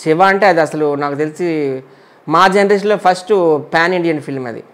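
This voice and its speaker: A man from Andhra Pradesh, an entertainer, chatting casually in an interview and giving blunt, quick one-line verdicts. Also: on the high side, fairly bright tone.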